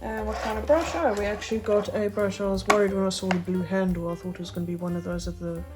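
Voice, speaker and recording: Casual woman vlogger, mid pitch, halting chatty delivery over music. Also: fairly even intonation. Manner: chatty, hesitant, with many fillers. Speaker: craft vlogger. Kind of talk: casual unboxing chat.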